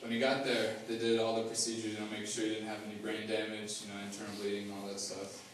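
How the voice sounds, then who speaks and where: A young man shares his personal testimony in a low, flat voice, stopping and restarting often with lots of fillers. He is heard from some distance in a very echoey hall, with a faint hum of ambience behind him. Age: young adult. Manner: halting, many fillers and restarts. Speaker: student giving a testimony.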